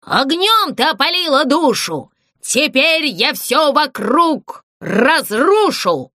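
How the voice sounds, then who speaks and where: A woman's voice: sits high, big pitch swings, sharp tone, dry recording, studio quality, pitched above the performer's own voice, full character voice. A woman voicing a melancholy fake ghost villain in a puppet play, drawing out each word in a theatrical wail. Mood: menacing. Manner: slow, drawn-out theatrical wailing.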